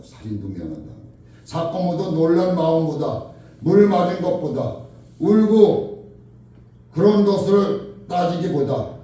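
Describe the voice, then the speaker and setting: A man preaching a sermon from a distance, his voice echoing loudly through a church hall. His pitch moves a lot and sits a little high, and his tone is dark and mellow. He keeps asking the congregation questions and bursts into shouted lines when he acts out quarrels. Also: slight background noise. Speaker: pastor. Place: church sanctuary. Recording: echoey church hall from far off.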